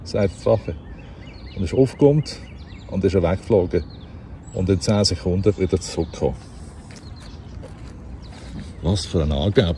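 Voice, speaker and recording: A man with a Basel Swiss German accent reading a fairy tale aloud outdoors, relaxed and chatty, with laughs and self-corrections. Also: deep voice, moderate pace, long pauses, a little hiss or hum. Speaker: storyteller.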